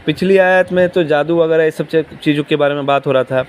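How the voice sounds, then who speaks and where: A man's voice: on the high side, fairly even intonation, slight background noise. A man teaching a Quran commentary lesson, explaining patiently, asking the listeners questions and repeating key words. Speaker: religious teacher.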